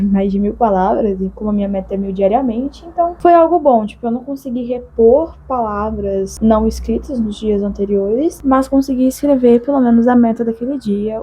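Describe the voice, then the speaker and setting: A woman's voice: mid-range voice, mellow, husky, poor audio. A young Brazilian woman chatting casually in a vlog, rambling along while unwell with a sore throat. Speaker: book and writing vlogger.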